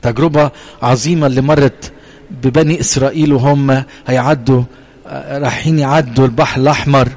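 A man's voice: mid-range voice, fairly even intonation, quick pace, pauses often, a little mellow, long reverb tail. A man with an Egyptian Arabic accent, a priest delivering a sermon. He asks the congregation rhetorical questions and then answers them.

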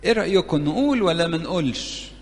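With an Egyptian Arabic accent and a fairly high, slightly mellow voice, a church preacher delivers an interactive sermon to young people. He talks fast and expressively, staying chatty and playful while repeatedly asking his audience questions, and a large hall's long reverb surrounds him.

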